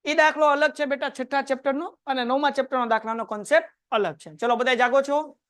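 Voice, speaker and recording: A man's voice: extremely high pitch, fairly even intonation, fast talker, fairly bright tone, no room sound, clean studio sound. A male math teacher, giving a chatty classroom lecture, quizzing his students and telling anecdotes.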